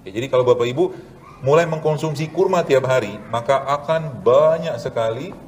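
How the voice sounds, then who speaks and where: A man, a doctor, giving a casual health lecture with a live demonstration, animated and joking, asking rhetorical questions and answering them himself. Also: medium pitch, normal speed, slight background noise, low-quality recording. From Indonesia. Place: event hall with audience.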